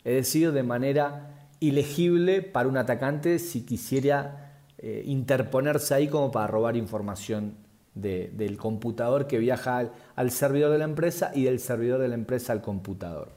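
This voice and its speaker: A man speaking as an expert guest, explaining things in a measured way with frequent fillers and restarts. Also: medium pitch, dark tone. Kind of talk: explanatory interview answers.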